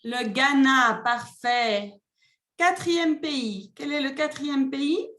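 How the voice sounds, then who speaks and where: A woman French teacher runs her classroom with a high, light voice. She speaks slowly and deliberately, drilling each word so the students can echo it. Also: a bit bright. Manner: slow, deliberate pronunciation drills. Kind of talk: classroom instruction.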